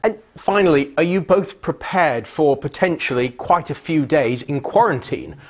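A man presenting live TV news from a studio, asking brisk, polite questions. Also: a little high, darkish tone.

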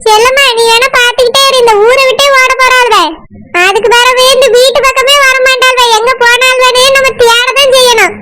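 A boastful, bossy village aunt in a cartoon, voiced by a woman, bragging in a thick Tirunelveli accent. The voice is squeaky and very high. Loud noise hisses under the whole recording. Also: little pitch movement, a little fast. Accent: Tirunelveli Tamil. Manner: bragging, bossy, self-satisfied. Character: boastful domineering village woman, sister-in-law. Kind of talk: cartoon voice acting.

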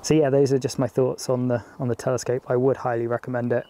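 A British man talking casually to camera about his telescope and nights outdoors, relaxed and hesitant with frequent ums. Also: mid-range voice, quick pace, a little hiss or hum. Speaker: astrophotography YouTuber. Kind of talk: casual vlog talk to camera.

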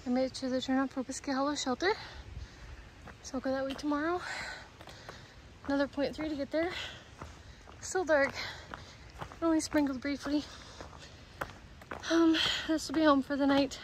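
A woman hiker talking casually to her phone camera as she walks a forest trail, thinking aloud in a relaxed way. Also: high voice, moderate pace, pauses often, slight background noise, low-quality recording. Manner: relaxed, chatty, thinking aloud while walking. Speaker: long-distance hiker vlogging. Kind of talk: casual spoken trail diary.

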